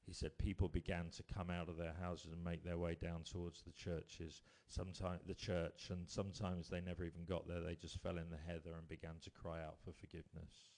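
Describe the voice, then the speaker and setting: Male preacher, lowish voice, storytelling sermon, swings from bold to hushed. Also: little pitch movement, a little fast, few pauses. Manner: storytelling, rising to emphatic bursts then dropping quiet.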